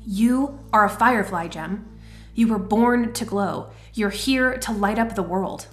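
A woman voicing a wise, stern female mentor in a storybook reading, speaking in a calm, firm, measured way. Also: medium pitch, faint music behind, lightly acted.

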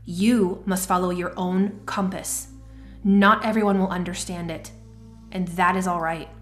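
Woman voicing a stern wise mentor woman, calm, firm, storybook, soft music behind. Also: lowish voice, a little slow, natural voice. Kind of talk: storybook reading.

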